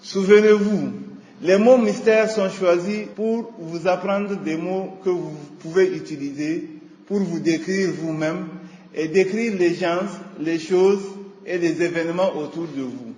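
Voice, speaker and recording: A man teaching a scripted radio lesson, speaking in a slow, deliberate teaching manner. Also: sits high, darkish tone. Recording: echoey hall with long reverb.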